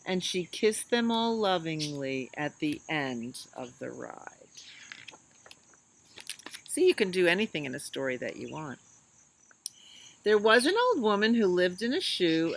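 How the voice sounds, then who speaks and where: A children's librarian runs a storytime, reading aloud in an expressive, sing-song voice and speaking straight to her young listeners. Her voice is on the low side, with a little hiss or hum in the recording.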